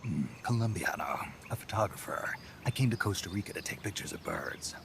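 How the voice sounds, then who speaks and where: A man playing a calm covert operative who talks in a hushed, gravelly whisper. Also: sits low, fairly quick, very noisy. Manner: hushed, dry, terse.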